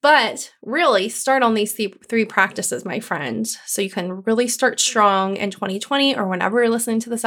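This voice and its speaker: On her own podcast, a coach speaks to listeners in a solo episode, upbeat, encouraging and conversational. Her voice is calming and sits at a medium pitch.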